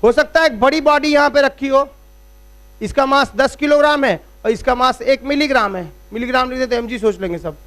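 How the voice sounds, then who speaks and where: A man's voice: very high-pitched, a little fast, fairly bright tone. A man teaching physics as a classroom lecture at a board, explaining step by step and checking in with rhetorical questions. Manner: uses everyday analogies.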